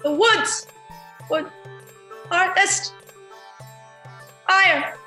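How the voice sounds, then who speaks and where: A woman's voice: extremely high pitch, very slow, sharp tone, soft background music, pitched above the performer's own voice, heavily acted. A woman playing a character whose connection keeps dropping, breaking off words and repeating them. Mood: urgent. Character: woman character calling through a glitching magic link. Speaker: player. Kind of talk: tabletop roleplay in character. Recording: roomy echoey sound.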